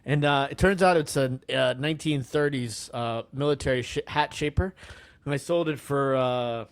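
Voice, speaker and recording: A man's voice: medium pitch, moderate pace, dry recording. A man co-hosting a podcast, joking wryly in casual chat. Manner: wry, joking. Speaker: podcast co-host.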